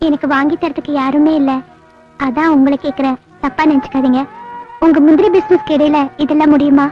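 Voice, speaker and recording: An actress playing a shy, gentle young woman who plays the veena, soft-spoken and hesitant. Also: sits high, fairly even intonation, a little fast, close to an everyday voice. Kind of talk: film dialogue. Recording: dull old film soundtrack, faint music.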